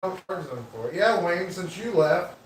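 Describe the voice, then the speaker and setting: Joking band member in an echoey room. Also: male voice, high-pitched, expressive, moderate pace, recorded from a distance. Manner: joking, banters about beer. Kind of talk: casual livestream chat. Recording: roomy echo, off-mic, faint noise.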